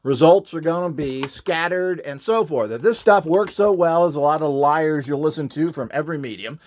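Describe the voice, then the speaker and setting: Pitched a little high with a darkish tone, this man talks at a moderate pace through an informal how-to monologue. He's selling upgrade equipment, and his delivery is blunt, opinionated, emphatic and rambling, with open scorn for competitors.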